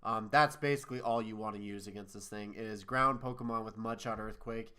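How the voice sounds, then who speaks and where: Lowish, steady, and fairly quick, this man's voice has a sharp, clean tone. Co-hosting a casual podcast, he's nasal and stuffed up with a cold, and tends to ramble and self-correct.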